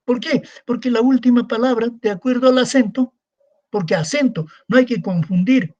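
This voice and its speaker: Captured on lo-fi audio, a man with a very high, slightly mellow voice teaches secondary school students in a recorded online class at a moderate pace. He goes over points again and again and answers his own rhetorical questions.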